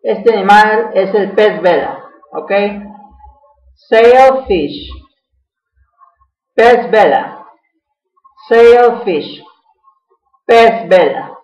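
Slow, echoing teacher drilling words. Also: male voice, sits high, darkish tone, muffled recording. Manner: repeats each word slowly, checking with "¿ok?". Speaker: English teacher. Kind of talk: classroom vocabulary drill. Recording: echoey room, mic far off.

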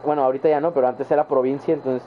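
A man's voice: medium pitch, steady tone, very fast. A young adult man with a northern Mexican accent, chatting casually and rambling in slang to his viewers during a live game stream. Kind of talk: casual chat while gaming live. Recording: tinny phone-like sound with faint background noise.

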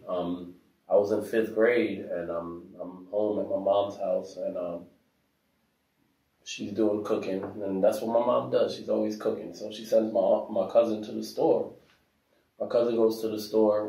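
A man from Africa telling a story in a casual discussion, soft-spoken with many fillers. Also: fairly low pitch. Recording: roomy echo, mic at a distance.

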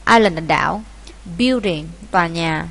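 A woman's voice: fairly low pitch, unhurried, creaky, fairly bright tone. A woman teacher from Vietnam patiently walking students through an exam, repeating key points as she goes. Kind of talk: exam walkthrough lesson.

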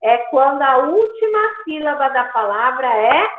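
A woman's voice: sits high, sing-song, moderate pace, roomy sound, phone-quality sound. A woman teacher explaining grammar patiently to a class over a video call, checking in with "tá?" as she goes. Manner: patient, repeats points with "tá?".

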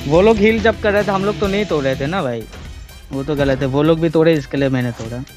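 A young man commentating a mobile shooter game with a teammate, excitable and repetitive, slipping English into his speech. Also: a little high, quick pace, over music. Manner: excitable, repeats words, mixes English. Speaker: gaming channel host.

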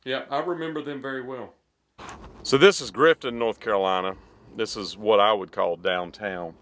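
A man's voice: lowish voice, moderate pace. A man, reminiscing in casual chat and then narrating while driving. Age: 50s. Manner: relaxed, reminiscing. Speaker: vlog host. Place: living room, then a car.

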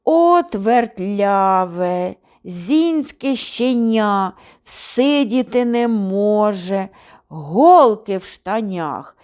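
A woman voicing an older village hunter who stretches every word out slowly. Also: mid-range voice, lively intonation, a little mellow. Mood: grumbling. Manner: drawls words out slowly. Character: slow-spoken older village hunter, grumbling.

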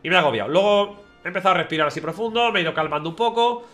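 A man with a bright, high voice tells a personal story to his viewers at a quick clip. He is animated, breaking into imitated noises and voices along the way. Faint music plays behind him. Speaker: vlogger. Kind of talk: casual storytelling to camera.

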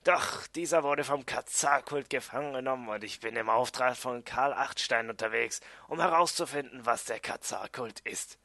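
A man's voice: medium pitch, moderate pace, few pauses, dry recording. A man voicing a small, irritable male dwarf prisoner in an audiobook. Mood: explaining. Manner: irritable, loud.

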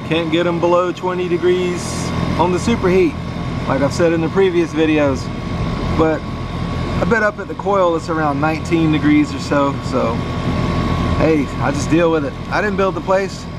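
Working as an HVAC technician, this fairly high-pitched man explains each step at a moderate pace, relaxed and talkative while his hands stay busy. Heavy background noise surrounds him, first outside next to an AC unit and then inside.

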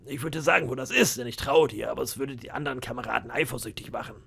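A man voicing a boastful, scheming pirate cook of about fifty, with a gravelly, raspy voice and a sly, bragging manner. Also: medium pitch, fast, a bit bright, heavily acted. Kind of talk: audiobook character voice.

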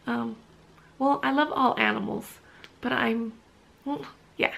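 A woman in her thirties talks casually to camera from her living room sofa, rambling with frequent restarts and ums. Her voice sits a little high and carries a heavy gravelly fry. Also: fairly even intonation, takes it slowly, a bit bright, poor audio. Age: 30s. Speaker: vlogger.

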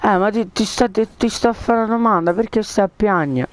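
This man's voice is high and brisk as he chats over a gaming headset. A video creator, he rambles with many fillers and coaxes a friend through a prank in casual gaming talk.

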